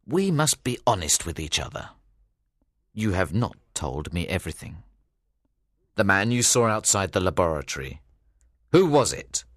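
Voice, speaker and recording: A man's voice: low-pitched, big pitch swings, normal speed, pauses often, fairly bright tone, no room sound, studio quality, full character voice. A man voicing a serious, determined lawyer in a spoken story. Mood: probing. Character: serious male lawyer, middle-aged, determined.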